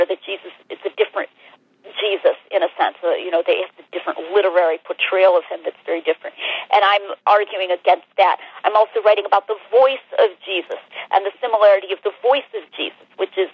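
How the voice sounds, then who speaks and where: Husky-voiced woman over the phone. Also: medium pitch, dry recording. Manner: measured, with frequent "uh" hesitations. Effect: heard over the phone. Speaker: author being interviewed. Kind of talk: careful scholarly explanation. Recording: dull, narrowband phone-line sound.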